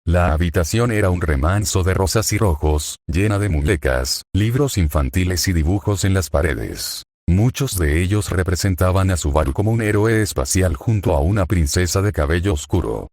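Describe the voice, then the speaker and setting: A synthetic male voice narrating a fan-fiction story in an even reading, speaker tags and notes read aloud. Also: low voice, moderate pace, few pauses, dry recording, clean studio sound.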